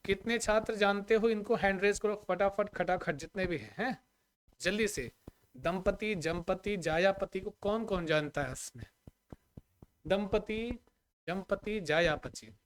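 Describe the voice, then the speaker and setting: High-voiced male Sanskrit teacher. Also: slight background noise. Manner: drills students with repeated questions and checks on the audio; recites Sanskrit compound examples in a measured, chanting way. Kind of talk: live online grammar class.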